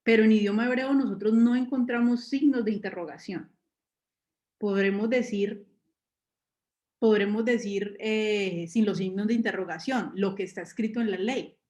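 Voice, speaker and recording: A woman's voice: mid-range voice, steady tone, normal speed, darkish tone. A woman preacher giving a conversational sermon to a live congregation, asking her listeners rhetorical questions and drawing on everyday examples. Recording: roomy echo.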